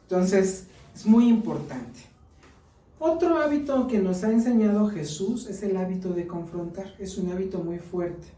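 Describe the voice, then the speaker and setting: A woman's voice: mid-range voice, expressive, a little slow, mellow. A woman with a Mexican accent giving an earnest church Bible lesson, mixing teaching with personal stories. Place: church hall. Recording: echoey room, mic far off.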